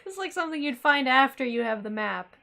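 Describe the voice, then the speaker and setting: A woman's voice: high-pitched, lively intonation, fast talker, vocal fry, sharp tone. A woman playing a horror game, commenting expressively and reacting aloud as she plays. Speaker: gaming streamer. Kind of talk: let's play commentary.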